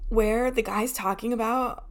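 A woman with a slightly high voice co-hosting a casual podcast. She tells long, rambling stories and often breaks into giggles. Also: steady tone, a little slow. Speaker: podcast co-host. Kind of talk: casual chat.

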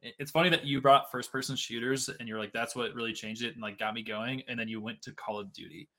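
A young man in his late twenties chats casually as a podcast co-host. His voice is bright and forceful, and he rambles along with plenty of fillers. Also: medium pitch, fairly even intonation, quick pace. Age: 20s. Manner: chatty, rambling, many fillers. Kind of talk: casual chat.

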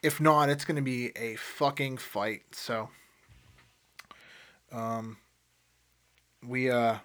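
A man chats casually on his solo podcast. His voice sits at a middle pitch. He rambles, swears freely and restarts his sentences often. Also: steady tone, slow, a bit bright. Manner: rambling, profane, with frequent fillers and restarts. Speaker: podcast host.

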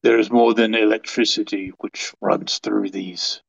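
A man voicing a menacing werewolf caretaker in a low, guttural voice with a put-on British accent. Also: flat delivery, measured pace, gravelly, husky, dull audio, full character voice. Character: menacing male werewolf caretaker, cold and threatening.

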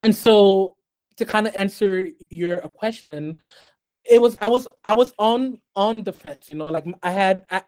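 Here the Haitian-born, US-raised guest artist sounds high-pitched and slightly mellow on a rough recording. His podcast interview delivery is measured, with plenty of ums and restarts.

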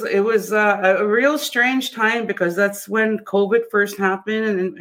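A woman with a Cree accent hosting a casual livestream interview, speaking haltingly and often repeating words. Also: medium pitch. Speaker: show host.

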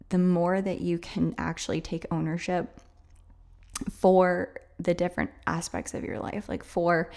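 Woman with vocal fry and a sore throat. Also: fairly low pitch, darkish tone. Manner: hesitant, confessional, conversational. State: sore throat, slightly losing voice. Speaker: podcast host. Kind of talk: candid solo podcast monologue.

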